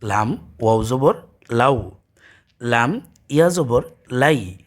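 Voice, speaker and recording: Bangladeshi male teacher, slow deliberate recitation drills, mid-pitched voice. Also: expressive. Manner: slow, drills letter sounds aloud, repeating each. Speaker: Quran teacher.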